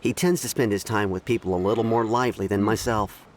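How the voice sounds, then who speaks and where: A man voicing a calm, polite and reserved townsman in a video game. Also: lowish voice, quick pace, a little hiss or hum, natural voice.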